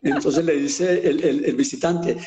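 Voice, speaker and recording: A man casually telling a long joke, unhurried, with false starts and bursts of acted shouting. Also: fairly high pitch, steady tone, echoey room. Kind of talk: storytelling a joke in casual chat.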